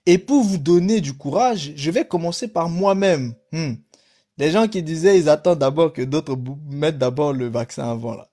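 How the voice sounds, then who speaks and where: A man's voice: fairly high pitch, moderate pace. A man teaching through a story he reads aloud on a live stream, with asides to his viewers. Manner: animated, addresses the audience directly.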